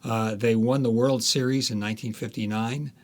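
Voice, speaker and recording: With a mid-range voice, fairly even intonation, and normal speed, this American man in his 70s recounts anecdotes as an author in an interview. He tells his stories emphatically and with enthusiasm.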